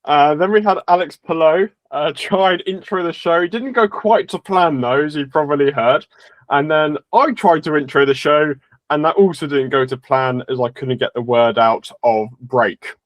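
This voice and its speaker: A man's voice: on the high side, normal speed, no room sound. Chatty male podcast co-host, dry sound. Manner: chatty, laughs at own slips. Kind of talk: casual podcast commentary.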